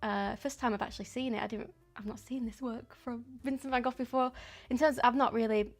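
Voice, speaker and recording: She's in her 20s, rambling casually as she paints during a live stream, often saying um and laughing softly. The voice is slightly high, steady in tone, and fairly quick.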